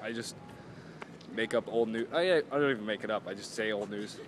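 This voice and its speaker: This young man's voice is on the low side and a little quick, with some noise in the background. He's vlogging casually outdoors in a parking lot next to parked cars, chatting, rambling, making fun of himself, and often trailing off before restarting.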